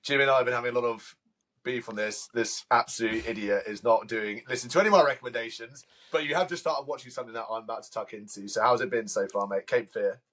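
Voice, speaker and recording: A man co-hosting a sports podcast, telling stories in quick, casual chat with some swearing. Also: mid-range voice, fairly bright tone. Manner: quick, chatty storytelling with swearing. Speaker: podcast co-host.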